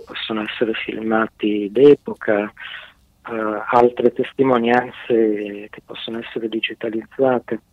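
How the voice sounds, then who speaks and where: A man's voice: medium pitch, no room sound. A man speaking as a guest on a radio show over a landline phone, hesitant with many filler sounds. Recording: tinny dry phone line.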